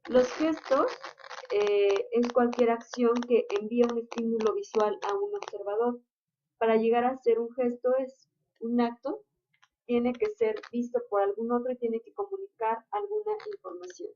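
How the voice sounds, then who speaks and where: A woman reads lecture notes aloud in a steady, explanatory way. Her voice sits somewhat high for a woman. The recording is dull and lo-fi. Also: moderate pace.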